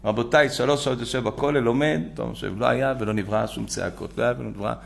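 A middle-aged man giving a storytelling sermon, animated, acting out quotes and addressing listeners as "gentlemen". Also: medium pitch, gravelly. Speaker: religious lecturer.

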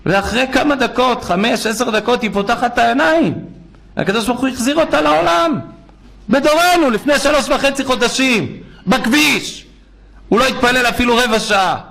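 With a very high voice and vocal fry, an older rabbi delivers a storytelling sermon. He's animated, performing the quoted speech of the people in his tales.

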